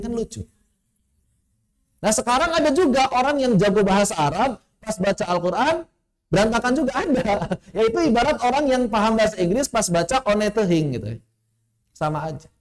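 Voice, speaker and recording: A man teaching tajwid in an online class. He explains with examples and recites Arabic phrases in a drawn-out chant. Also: fairly high pitch, a little mellow. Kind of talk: online lesson. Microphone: online class microphone.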